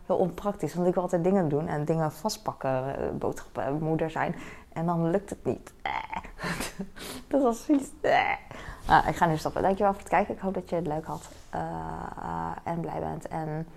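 Gravelly-voiced woman rambling to camera. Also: mid-range voice, a little mellow. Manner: rambling, frequent fillers and "weet je wel". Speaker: vlogger. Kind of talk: casual chat to camera.

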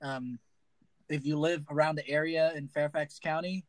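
Halting young co-host, dry sound. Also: male voice, a little high, steady tone, no room sound. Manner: hesitant, full of ums, halting. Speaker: podcast co-host. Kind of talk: casual podcast chat.

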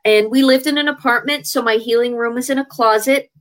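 Speaking a little fast in a steady, fairly high voice, a middle-aged Canadian woman recounts her life as an interview guest. She's a traditional healer, frank and conversational, occasionally restarting with hesitation.

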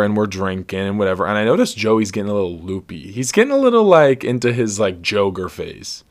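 Lively young man with a lowish voice. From Ohio, USA. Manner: lively, laughs often, heavy use of "like". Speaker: podcast host. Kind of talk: casual storytelling.

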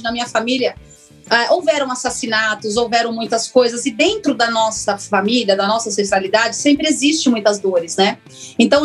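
A woman, a former lawyer now working as a therapist, telling her personal story in an interview in a reflective, earnest way with many pauses. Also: high-pitched. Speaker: interview guest, former lawyer turned systemic constellation therapist.

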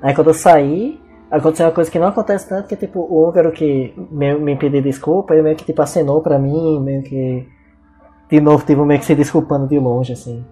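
A woman co-hosting a casual chat, telling a story quickly and mimicking the people she quotes. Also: low-pitched, fairly even intonation, warm tone, faint music behind. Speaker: podcast co-host.

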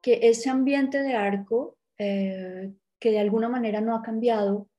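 A middle-aged woman from Colombia with a mellow, warm voice, reminiscing in a documentary interview. She speaks thoughtfully, pausing, hesitating and restarting her sentences as she gathers her thoughts. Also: fairly high pitch, steady tone, soft background music. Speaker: art world interviewee.

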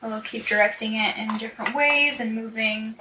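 A woman's voice: on the high side, steady tone, fairly quick. A woman playing a tabletop game, playful in casual banter. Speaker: player. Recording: roomy, distant mic, noise.

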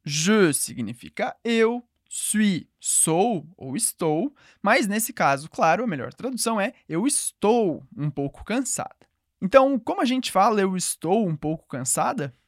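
A woman teaching a podcast language lesson, patiently repeating words slowly for listeners to echo. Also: mid-range voice, very animated, studio quality.

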